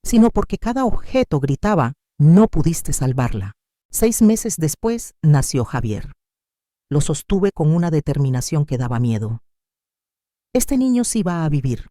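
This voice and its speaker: Dark-toned male story narrator. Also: sits high, no room sound, clean studio sound. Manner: measured, dramatic storytelling. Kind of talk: scripted first-person drama narration.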